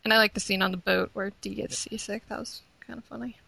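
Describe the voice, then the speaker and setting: A woman in casual book-club chat, calm and measured as she lists her favorite scenes. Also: mid-range voice, vocal fry, low-quality recording.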